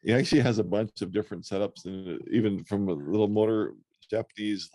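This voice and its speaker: A man co-hosting a casual podcast, talking easily and hesitantly with lots of pauses. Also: lowish voice, dark tone, no echo. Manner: easygoing, hesitant with frequent uh fillers. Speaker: podcast co-host. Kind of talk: casual chat.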